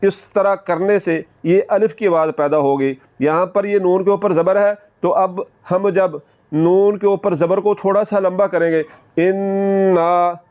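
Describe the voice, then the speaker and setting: High-voiced man teaching pronunciation slowly. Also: a little mellow, highs cut off. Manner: patient, repetitive, drawn-out model syllables. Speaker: Quran tajweed teacher. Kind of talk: step-by-step pronunciation lesson.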